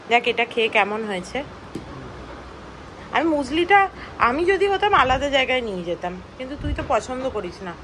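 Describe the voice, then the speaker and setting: A young woman vlogs her day at home and chats casually to her viewers while she works. Her voice sits a little high. There is a clear layer of noise from a busy street outside. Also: a bit bright, rough recording. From West Bengal. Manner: chatty, talking to viewers while doing chores. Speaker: vlogger. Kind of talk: casual daily-life vlog narration. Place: home, indoors.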